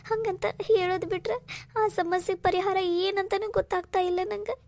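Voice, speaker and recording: A woman voicing a frightened young college student in a cartoon, who talks in a soft, tearful, pleading way to her older brother. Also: very high voice, fairly even intonation, normal speed, creaky, no room sound. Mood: crying. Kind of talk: cartoon voice acting.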